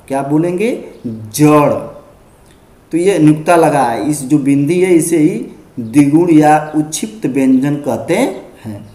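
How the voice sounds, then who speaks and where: A man's voice: on the high side, warm tone, roomy sound. A male schoolteacher giving a grammar lesson, patiently repeating words and checking in with the class. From Uttar Pradesh, India. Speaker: school teacher.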